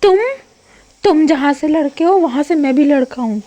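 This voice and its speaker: A woman's voice: sits high, lively intonation, moderate pace. A woman voicing an indignant, flustered young man. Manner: protesting, sputtering. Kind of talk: casual storytelling with voiced lines.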